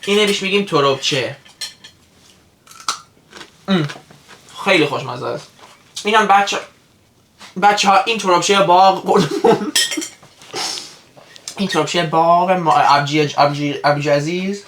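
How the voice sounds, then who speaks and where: Bright, teasing young man in an echoey room. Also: sits high, pauses often. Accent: English-accented Persian. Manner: teasing, switching between Persian and English. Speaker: co-host of a food vlog. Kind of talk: casual mukbang chat.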